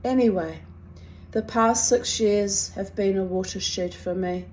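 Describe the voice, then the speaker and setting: Slow-talking woman, broad Kiwi accent. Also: medium pitch, fairly even intonation, darkish tone, slight background noise. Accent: strong New Zealand (Kiwi). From New Zealand. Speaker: writer reading own personal writing. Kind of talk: expressive reading of personal confessional prose.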